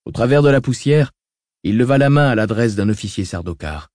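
A man narrating an audiobook in a measured, dramatic reading style. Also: medium pitch, animated, darkish tone, no room sound, clean studio sound.

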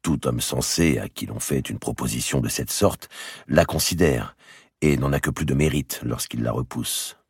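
A man narrating a historical novel as an audiobook, in calm, even storytelling. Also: very deep voice, normal speed, breathy edge, no echo. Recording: dry close recording.

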